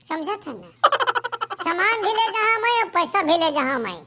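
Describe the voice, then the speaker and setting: Pushy squeaky hotel waiter. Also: big pitch swings, background noise, exaggerated voice. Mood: insistent. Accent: Chhattisgarhi. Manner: brisk, insistent. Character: pushy small-town hotel waiter, male.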